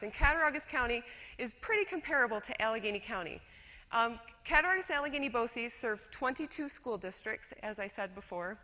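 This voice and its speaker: In a lecture hall with a long reverb, a woman educator from rural western New York, USA, gives a chatty conference talk with slides. Her voice sits on the high side and sounds sharp, and she pokes fun at herself, with plenty of fillers and restarts.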